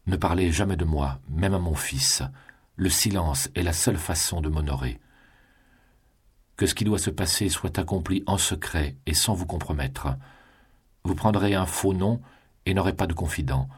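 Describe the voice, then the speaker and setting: A man reading the part of a proud, resigned condemned young man in a grave, measured voice. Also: low-pitched, slightly rough.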